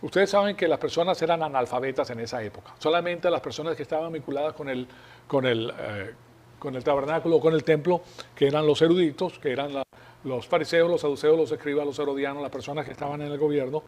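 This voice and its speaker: Male preacher, fairly high voice, patient explanatory sermon delivery. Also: fast, darkish tone. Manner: explanatory, rhetorical questions to congregation. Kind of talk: Bible teaching sermon.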